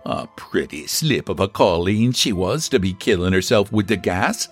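A man voicing a gossipy old Irish housekeeper who speaks with an Irish accent in a husky, admiring way. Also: low voice, lively intonation, moderate pace, full character voice.

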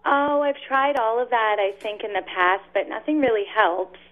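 A woman from Canada in her thirties calls in over a choppy, tinny phone line that keeps breaking up. Her voice sits a little high, and she talks in a casual, friendly way with a touch of uncertainty. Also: normal speed. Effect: bad phone connection. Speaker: caller. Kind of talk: casual call-in chat.

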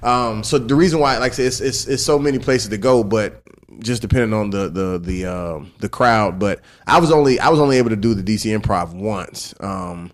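A man's voice: on the low side, fairly quick. A man, a stand-up comic in a casual podcast chat, talking right into a cheap mic so his voice comes out fuzzy and distorted. He rambles loosely and trails off and restarts phrases. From Washington DC area. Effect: fuzzy, distorted sound from a cheap mic held right at the mouth. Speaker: stand-up comedian guest. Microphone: cheap handheld mic pressed against the mouth.

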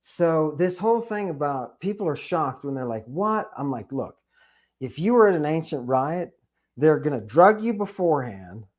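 A man with a fairly high voice talks through a podcast discussion. He is animated and peppers his points with fillers and rhetorical "right?" tags. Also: normal speed.

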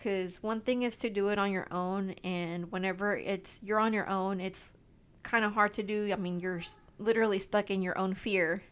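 A woman co-hosts a casual podcast, speaking earnestly and reassuringly. Her voice is smooth and clear, pitched in the middle of the range. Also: steady tone, moderate pace, a bit bright. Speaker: podcast co-host. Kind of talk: casual chat.

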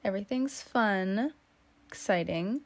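A woman's voice: mid-range voice, expressive, a little slow. A woman giving a casual tarot reading, chatty and teasing, with lots of fillers. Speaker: tarot reader.

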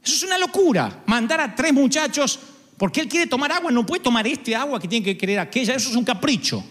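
A man's voice: very high-pitched, a little fast. Guy preaching a sermon, tells the story like he's acting it out, voice rings around a big hall. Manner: expressive storytelling preacher, acts out dialogue. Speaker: pastor. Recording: long hall reverb.

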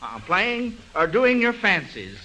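The host of this 1940s children's radio quiz sounds high-pitched and sing-song, taking his time with a sharp tone. He's folksy and chatty, chuckling, repeating answers and treating the children like a kindly uncle. The old broadcast audio is poor, with faint noise.

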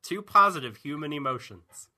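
A man's voice: on the high side, animated, normal speed, sharp tone, voice pushed up. A man putting on a cheerful robot posing as a human, with a stiff, announcer-like self-introduction and laughs. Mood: mock-cheerful. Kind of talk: casual podcast chat.

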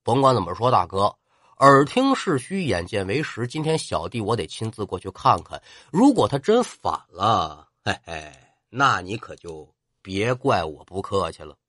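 A man's voice: lowish voice, very animated, normal speed, pushed and bright, dry recording, clean studio sound, voice pushed down, exaggerated voice. A man voicing the blunt, hot-tempered general Zhang Fei, a coarse fighter who swears and throws out folk sayings. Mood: blunt, threatening.

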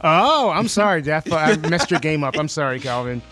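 Higher-pitched man in easygoing unscripted banter. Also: lively intonation, normal speed, a bit bright. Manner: natural unscripted talk, easygoing and informal. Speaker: radio show guest and co-host. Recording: music playing under the voice. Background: background music.

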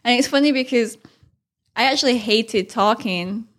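Hosting a solo podcast, a woman with a mixed Thai-English accent chats in a candid, informal, rambling way, full of slang and mild swearing. Her voice sits fairly high and sounds fairly bright, at a normal speed.

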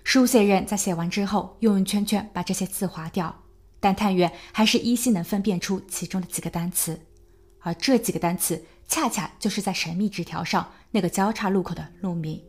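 A woman narrating a true crime podcast in a measured storytelling voice, building suspense as she goes. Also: medium pitch, a little mellow, breathy edge. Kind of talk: scripted narration.

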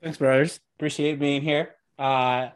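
A man's voice: mid-range voice, level tone, a little slow, smooth. A man in his thirties from Sardinia, Italy, chatting as a guest on a podcast, talking loosely with frequent restarts and fillers. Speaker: podcast guest, real estate entrepreneur. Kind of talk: casual interview chat.

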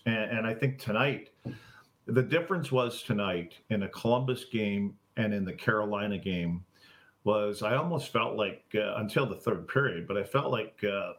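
A man with a fairly low voice talks sports casually as a podcast co-host. His analysis is unscripted and wanders loosely from point to point. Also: normal speed, a bit bright.

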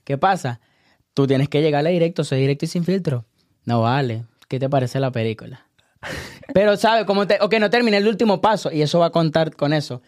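Man, animated, lecturing, fairly high voice, dry close mic. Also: quick pace, no echo. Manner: animated, lecturing, laughs while talking. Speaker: dating advice guest. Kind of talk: casual podcast chat.

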